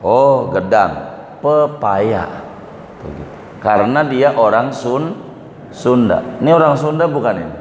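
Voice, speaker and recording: A man's voice: mid-range voice, lively intonation, unhurried, pauses often, a little hiss or hum. A male religious teacher, giving an Islamic study lecture. He explains Arabic terms step by step and quizzes his audience. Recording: echoey hall with faint ambience.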